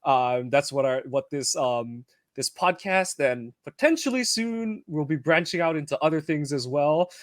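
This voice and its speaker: A man's voice: a little high, moderate pace, no room sound. Laid-back man from Hawaii, dry sound. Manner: relaxed, laughs often, many fillers. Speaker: podcast co-host. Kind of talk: casual sports podcast chat.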